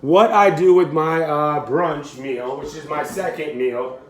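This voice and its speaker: Hoarse raspy guy in his 30s, slightly higher voice, casual rambly fitness vlog chat. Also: unhurried, crowd noise. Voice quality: raspy, throaty. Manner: informal, rambling, unscripted. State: hoarse, getting over being sick. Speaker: fitness vlogger and coach.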